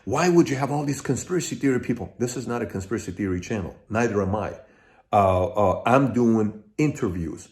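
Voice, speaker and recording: With a lowish, expressive, darkish voice and a brisk pace, a middle-aged man from Iran addresses viewers of his own channel head-on. He talks emphatically, goes through his points list by list, and keeps restarting.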